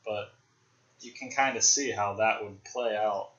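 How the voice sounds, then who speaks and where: This podcast host is a young man whose lowish, steady voice is a little slow and somewhat bright. He rambles and speculates about films in casual talk full of fillers, and the lo-fi recording is roomy and dull.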